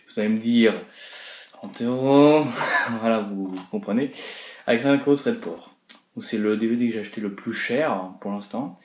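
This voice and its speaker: A man's voice: mid-range voice, a little mellow. A young man talking casually in a haul video, rambling with lots of filler words and short chuckling asides. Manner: rambling, full of "voilà" and "donc euh" fillers, chuckling asides. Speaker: horror film collector vlogger. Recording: echoey room with faint noise.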